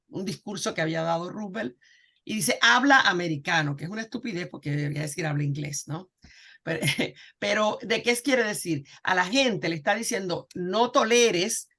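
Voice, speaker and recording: A woman's voice: on the low side, normal speed, a bit bright. A woman giving an informal history lecture over slides, chatty, with many fillers and checking questions to her class. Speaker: history teacher.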